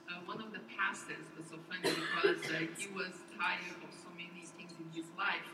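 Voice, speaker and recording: A woman from Brazil tells her story in halting, English and pauses often on uh. Her voice sits a little low and comes across a big, echoey hall, heard from a distance over steady room noise. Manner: halting, with frequent uh fillers and nonstandard English. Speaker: ministry guest speaker. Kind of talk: testimony at a church event.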